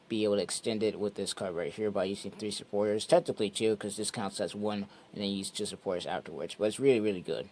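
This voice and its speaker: A man with a slightly low voice gives a casual deck walkthrough for his channel. He explains things step by step in a relaxed, chatty way and often circles back to repeat himself. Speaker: card game channel host.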